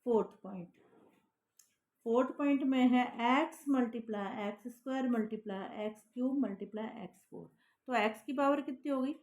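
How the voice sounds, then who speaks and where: A woman's voice: fairly high pitch, darkish tone. A woman, working through a maths exercise step by step as a teacher and often checking in with her students. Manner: patient, checks in with repeated "thik hai" and "hai na". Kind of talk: step-by-step classroom maths explanation.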